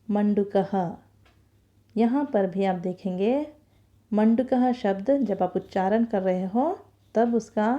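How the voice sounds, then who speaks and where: Slow, patient woman teacher explaining. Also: mid-range voice, mellow, highs cut off. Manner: patient, explains slowly with repetition, mixes in English words. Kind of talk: classroom lesson explanation.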